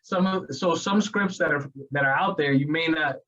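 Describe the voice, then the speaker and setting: A man's voice: a little high, moderate pace, distant mic, muffled recording. Laughing New Yorker man, off-mic. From New York. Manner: laughs often, animated and talkative. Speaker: real estate agent co-host. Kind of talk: casual training chat.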